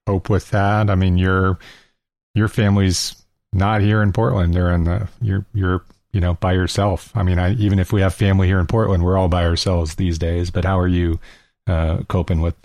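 A very low-voiced male host asks measured questions in a casual radio interview, with a few fillers along the way. The sound is dry and close, with no room in it at all. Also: a little mellow, dry recording.

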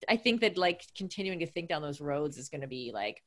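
A woman speaks as a guest on a podcast in a relaxed, casual chat. Her voice is low for a woman. She talks in a thoughtful, rambling way. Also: a little fast. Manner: thoughtful, rambling, laughs easily. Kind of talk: casual conversation.

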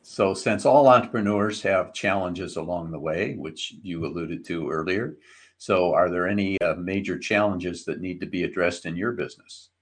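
A man hosting a business interview podcast, asking questions in a relaxed, folksy way with fillers. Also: sits low, normal speed. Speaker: podcast host.

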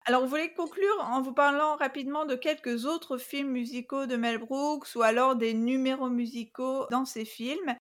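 A woman co-hosting a casual podcast about musicals, hesitant with many fillers and quick to laugh. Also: high voice, fairly even intonation. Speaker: podcast co-host.

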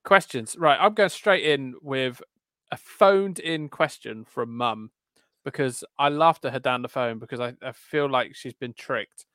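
A man's voice: medium pitch, measured pace, bright, forceful tone, smooth, no room sound, clean studio sound. A man hosting a casual podcast, chatty and moving through listener questions. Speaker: podcast host. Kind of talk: casual chat.

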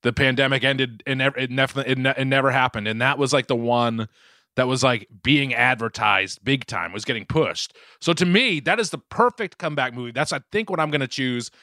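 A man's voice: medium pitch, a little fast, sharp tone, no room sound, studio quality. A man with a Boston accent chatting casually and comedically, swearing freely and often stumbling over repeated words as he starts. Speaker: podcast host.

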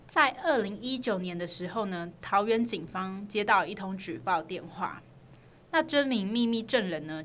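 A woman's voice: mid-range voice, bright, forceful tone, a little hiss or hum. A woman with a Taiwanese Mandarin accent tells a true crime story as a podcast host, in a conversational narrator's style.

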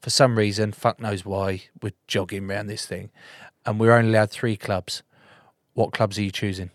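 A man's voice: lowish voice, flat delivery, normal speed, no echo, clean studio sound. A man hosting a podcast in casual chat, joking, swearing and laughing often. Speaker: podcast host.

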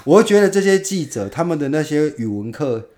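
A man's voice: on the high side, very animated, fairly quick, darkish tone. Blunt Taiwanese-accented man chatting casually. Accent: Taiwanese Mandarin. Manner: blunt, colloquial, slips into Taiwanese Hokkien slang and swearing. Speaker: podcast host. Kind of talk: casual chat.

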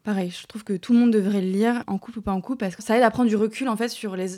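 Chatty French woman guest, quick talker. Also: medium pitch, steady tone, mellow. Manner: chatty, many fillers, drops to near-whispers. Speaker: podcast guest. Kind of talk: casual interview chat.

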